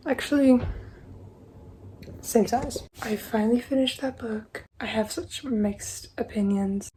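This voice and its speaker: Young woman, soft half-whisper. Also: on the high side, slight background noise, low-quality recording. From Australia. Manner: frank, chatty, often half-whispered. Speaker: vlogger. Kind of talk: casual vlog chat.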